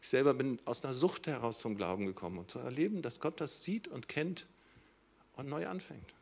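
A middle-aged man, a pastor, preaching a sermon with emphatic stresses that drop into soft, slow passages. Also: mid-range voice, animated, vocal fry, breathy edge.

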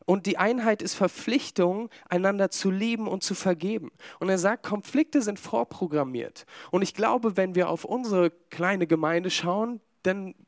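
High-voiced man preaching a sermon. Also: moderate pace, few pauses, no room sound, clean studio sound. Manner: conversational, with fillers and humorous asides to the congregation. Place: small church congregation.

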